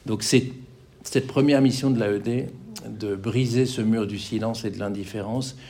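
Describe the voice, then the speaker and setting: Earnest, halting middle-aged Frenchman. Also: lowish voice, steady tone, mellow. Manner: earnest, halting with many restarts and fillers. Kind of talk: public talk, personal testimony.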